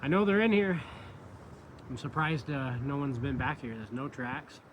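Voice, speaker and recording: A man filming himself outdoors in a river bottom, talking to his viewers in an excited, rambling way full of "I mean" and "like". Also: medium pitch, moderate pace, slight background noise. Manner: excited, exclaiming, lots of fillers like "I mean" and "like". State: catching his breath. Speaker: shed hunter filming himself. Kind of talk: outdoor vlog narration. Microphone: camera mic.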